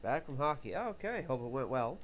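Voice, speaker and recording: A man hosts a live gaming stream through a headset mic, chatting loosely and greeting his viewers as he goes. His pitch sits in an ordinary middle range. A faint hiss lies behind his voice. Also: sing-song, brisk. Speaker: livestream host. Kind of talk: casual livestream chat.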